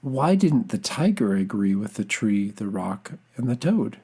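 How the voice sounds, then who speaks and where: In a medium-pitched, husky voice, a narrator performs a scripted children's folktale, using dramatic, carefully paced phrasing full of expression.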